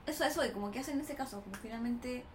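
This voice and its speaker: A woman's voice: a little high, very fast, crowd noise. A young woman with a Chilean accent co-hosting a podcast, joking and telling stories in casual chat. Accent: Chilean Spanish. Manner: animated storyteller, jokey. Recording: roomy with faint noise.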